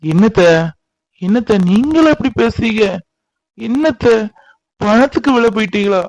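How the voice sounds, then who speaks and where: Man acting young village man, high voice, earnest, emotional, cartoon. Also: expressive, unhurried, darkish tone, no room sound, full character voice, rough recording. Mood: indignant. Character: devoted young village man, torn and heartbroken.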